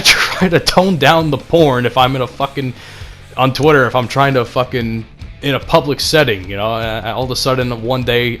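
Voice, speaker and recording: A man's voice: mid-range voice, fairly bright tone. A young man ranting casually over gameplay, rambling, sarcastic and full of swearing. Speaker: gaming channel host.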